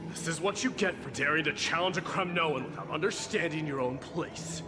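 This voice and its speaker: A man's voice: fairly high pitch, a little fast, natural voice. A man voicing a proud, boastful male warrior in a video game, arrogant and taunting. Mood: haughty. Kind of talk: scripted video game voice acting. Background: game music.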